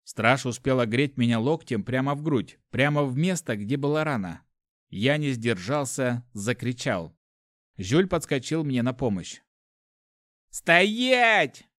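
A man reading a first-person adventure story aloud in a steady storytelling voice. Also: medium pitch, measured pace, dry recording, studio quality. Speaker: audiobook narrator. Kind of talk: first-person fiction narration.

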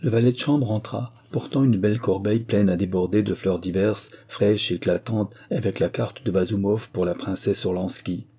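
Male audiobook narrator, low and husky, measured delivery. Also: dark tone. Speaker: audiobook reader. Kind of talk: scripted narration.

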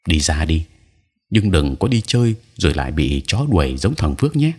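A man's voice: a bass voice, big pitch swings, moderate pace, slightly rough, full character voice. A man voicing an impatient village husband who scolds and dismisses. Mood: scolding.

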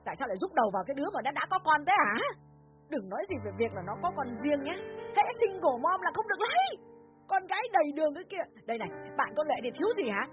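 Brief: woman playing a bossy, sharp-tongued older mother in an audio story, high and swooping voice, dull lo-fi sound with faint music. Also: very animated. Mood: furious scolding. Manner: scolding, shrill, rapid-fire. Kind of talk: dramatized audiobook reading.

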